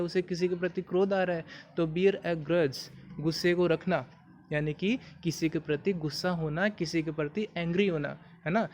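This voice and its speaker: A man with a Hindi accent teaching English idioms in a video lesson, explaining patiently and asking the viewer questions. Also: high-pitched.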